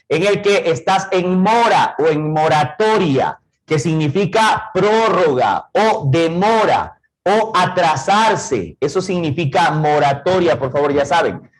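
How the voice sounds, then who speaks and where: In a low-quality recording, a middle-aged man with a high voice and an Ecuadorian Spanish accent walks through the words of a verbal reasoning lesson step by step. He keeps checking in with rhetorical questions.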